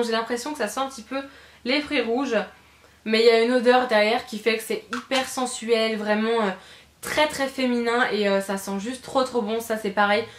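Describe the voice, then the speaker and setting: A woman's voice: on the high side, echoey room. A woman beauty vlogger chatting casually through a shopping haul, gushing and repeating words for emphasis, with frequent hesitations. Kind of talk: casual haul video chat.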